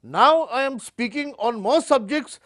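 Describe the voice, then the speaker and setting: Very high-pitched pompous celebrity author. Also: male voice, lively intonation, fairly bright tone, a little hiss or hum, exaggerated voice. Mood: self-important. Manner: pompous, deliberate, self-promoting. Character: pompous, self-important male celebrity author, comic spokesman. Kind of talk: comedy sketch mock interview.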